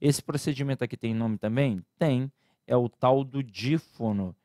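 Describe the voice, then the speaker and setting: A man's voice: mid-range voice, moderate pace, dark tone, dry recording. Male teacher, casual exam-prep lecture, chatty and informal, dry close sound. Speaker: Portuguese grammar teacher.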